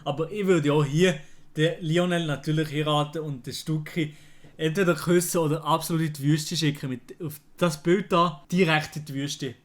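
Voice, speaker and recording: A man's voice: fairly high pitch, steady tone, moderate pace. A man with a Swiss German accent chatting casually on a livestream, exclamatory and dropping bits of English slang. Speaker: livestream host reacting.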